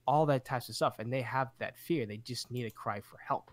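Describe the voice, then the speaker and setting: A man's voice: medium pitch, normal speed. Earnest guy chatting on a podcast, stops and restarts a lot, mid voice. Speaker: podcast co-host. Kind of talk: casual chat.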